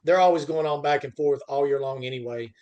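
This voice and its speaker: In a muffled recording, a man with a slightly high, somewhat mellow voice discusses the freight industry without a script as a podcast host and commentator. He asks himself questions and answers them, stressing his points, while his speech halts and restarts the beginnings of phrases.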